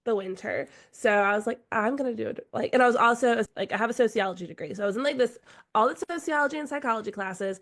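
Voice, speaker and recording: Woman with a husky cold voice. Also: on the high side, fast talker, a bit bright. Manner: chatty, storytelling, laughs often. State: hoarse from a cold. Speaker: podcast co-host. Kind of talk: casual chat.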